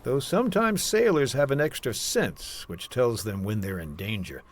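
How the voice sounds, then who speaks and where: A man voices a genial but uneasy yacht owner who chuckles easily and muses in a wide-ranging, lively voice. His lines are played in the manner of an old-time radio drama. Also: mid-range voice, normal speed. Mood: ominous. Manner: musing, easygoing, chuckling. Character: thoughtful adult male yachtsman host, uneasy about omens.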